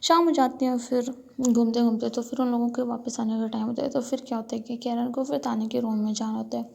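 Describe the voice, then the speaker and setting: A young woman tells a story in a relaxed, talky way, full of fillers. Her voice sits a little high and has a gravelly, creaky edge, and her pitch stays flat. She records alone in a room with outside noises coming in. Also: fast. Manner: chatty retelling, filler-heavy, quotes lines in her own voice. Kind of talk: casual spoken storytelling.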